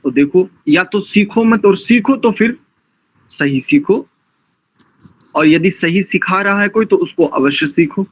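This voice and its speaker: Slow, deliberate male mantra teacher. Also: high voice, muffled recording. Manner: corrects pronunciation patiently, chants mantras slowly and deliberately; admonishing, didactic. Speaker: teacher of Vedic mantra recitation. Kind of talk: recitation lesson with slow mantra chanting.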